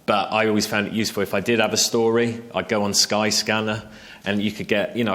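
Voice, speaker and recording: A man, a journalist from England, telling a relaxed, self-deprecating anecdote in a stage interview, with lots of fillers and asides. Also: sits low. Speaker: freelance cycling journalist, interviewee. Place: festival stage interview, indoors.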